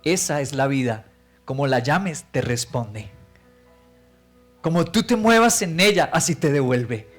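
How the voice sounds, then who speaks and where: A man voicing a wise father teaching his young son in a sermon story, speaking low, soft and measured. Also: animated, faint music behind. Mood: tender.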